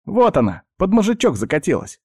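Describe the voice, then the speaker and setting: A man voicing a high, nervous male voice inside someone's head, defensive and whiny, in an audiobook. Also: wildly swooping pitch, a little fast, darkish tone, breathy edge, no room sound, studio quality, exaggerated voice.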